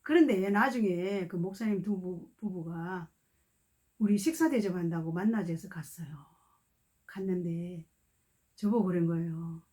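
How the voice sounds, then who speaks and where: A woman's voice: fairly low pitch, unhurried, warm tone. A woman guest preacher telling a testimony to her congregation, acting out the voices of the people in her story and speaking to the listeners directly. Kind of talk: testimony sermon.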